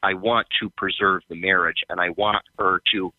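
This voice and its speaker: A man speaks over a phone line as a radio caller, his voice very low and thin with a tinny phone-line sound. The sound is dry. He talks haltingly, with many pauses and fillers. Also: steady tone, dry recording. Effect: heard over a phone line. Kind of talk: call-in conversation. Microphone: phone held by the caller.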